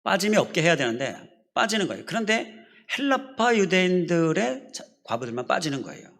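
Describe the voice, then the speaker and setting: Lively, animated Korean pastor preaching. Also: male voice, high-pitched, brisk, gravelly. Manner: explains scripture step by step, asks the congregation questions; leads the congregation in repeating phrases. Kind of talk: sermon.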